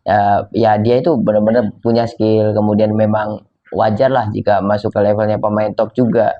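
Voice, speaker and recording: A man co-hosting a casual football chat, with loose slangy banter and drawn-out words. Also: fairly low pitch, flat delivery, highs cut off. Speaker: football podcast co-host.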